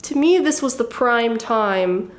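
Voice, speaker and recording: A woman's voice: a little high, expressive, slow pace. A woman in her thirties explaining things in a casual show-and-tell vlog, in a wry, matter-of-fact way. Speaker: fashion vlogger.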